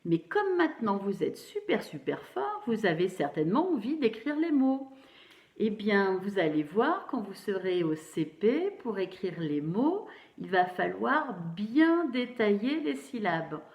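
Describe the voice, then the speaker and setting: A woman teacher giving a phonics lesson to young children, slowly spelling out syllables and praising them. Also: medium pitch, big pitch swings, darkish tone. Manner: slow, encouraging, syllable by syllable. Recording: roomy, dull lo-fi sound.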